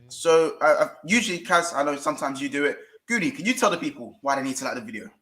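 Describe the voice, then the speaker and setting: A man's voice: fairly high pitch, expressive, fast talker, pushed and bright. A man with a London accent hosting casual football talk, slangy and speaking straight to viewers. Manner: colloquial, slangy, addresses viewers directly. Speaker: host of a football fan show. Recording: roomy, echoey sound.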